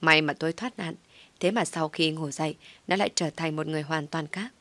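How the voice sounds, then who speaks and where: Woman storyteller, low voice, dry close recording, steady scripted narration. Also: brisk, dry recording. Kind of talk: scripted first-person narration of a comic story.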